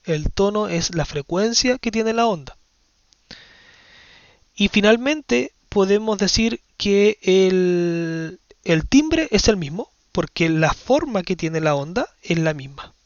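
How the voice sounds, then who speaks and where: High-voiced man teaching physics. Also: expressive, takes it slowly, dry recording, dull audio. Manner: explanatory, checks in with frequent "¿ya?". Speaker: science teacher. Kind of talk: physics lesson explaining exam questions.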